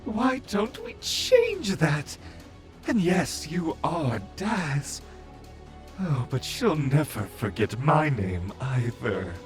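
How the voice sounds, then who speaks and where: In a fantasy audio roleplay, a man plays a mad, zealous villain who serves a moon goddess, preaching in a grandiose, drawn-out manner with an air of zealous menace. His voice sits a little high and swings widely in pitch, with faint music in the background.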